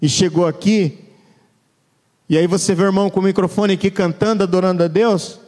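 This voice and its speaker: A man preaching a sermon in a church, turning from loud emphasis to hushed, low words as he reads scripture. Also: fairly even intonation, a little fast. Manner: dramatic, swings between loud and hushed low voice. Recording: long church reverb.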